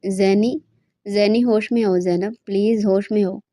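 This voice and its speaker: A woman's voice: medium pitch, fairly even intonation, mellow, no room sound, close to an everyday voice. A woman voicing a cold, cruel young man who dismisses and blames others, recorded dry and close.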